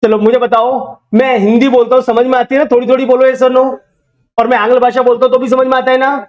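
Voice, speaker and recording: A man's voice: very high-pitched, little pitch movement, fast talker, dull audio. A man teaching accounting to a classroom, drilling students with repeated questions and teasing them when they don't know. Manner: teasing, scolding banter with the class. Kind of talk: classroom lecture.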